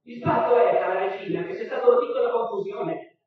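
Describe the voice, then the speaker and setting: A man's voice: sits high, brisk, crowd noise, close to an everyday voice. Ironic lordly devil, a man reading him aloud, distant and muffled. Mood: mocking. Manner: sly, sneering. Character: suave mocking male devil, lordly and ironic. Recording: roomy hall sound from far off, dull.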